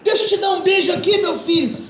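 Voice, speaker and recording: A man voicing a worried mother who pleads in a high, frantic voice. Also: quick pace, a bit bright, roomy sound, lo-fi sound, a little hiss or hum.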